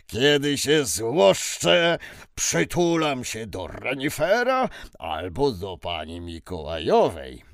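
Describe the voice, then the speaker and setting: An actor playing a jolly, wise old Santa Claus who speaks in a patient, theatrical, chuckling way for a children's audio story. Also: male voice, medium pitch, no room sound, studio quality, heavily acted.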